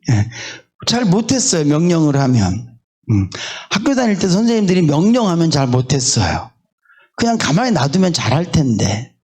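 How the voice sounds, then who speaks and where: A man's voice: fairly high pitch, a little mellow, slightly rough. A male pastor from South Korea preaching a sermon in a candid, conversational way, full of fillers and asides. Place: church sanctuary.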